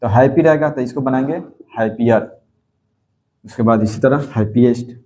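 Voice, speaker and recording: A man teaches a grammar class at a steady middle pitch. He keeps asking questions and answering them himself, and he says each key word twice. It sounds like an ordinary coaching-centre lesson. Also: moderate pace. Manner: repeats key words and quizzes himself with questions.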